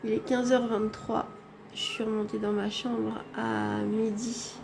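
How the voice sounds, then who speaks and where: Woman filming herself on her phone in a hospital room, kinda high voice, faint hiss behind. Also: flat delivery, measured pace, gravelly. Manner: chatty, addresses viewers directly. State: tired after anesthesia. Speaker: vlogger. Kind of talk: casual hospital vlog. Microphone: phone held in hand.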